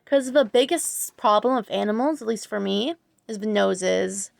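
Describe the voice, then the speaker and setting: A woman's voice: medium pitch, normal speed, vocal fry, no echo. A woman talking casually over her drawing video, rambling and hesitant, full of fillers and self-corrections. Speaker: art channel creator, student.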